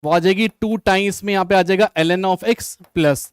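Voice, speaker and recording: Male online maths tutor, high voice, Hindi-English mix, thinks aloud and answers student comments, dry close mic. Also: unhurried, clean tone, dry recording. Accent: Hindi mixed with English maths terms. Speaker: maths teacher. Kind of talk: live online exam solution class.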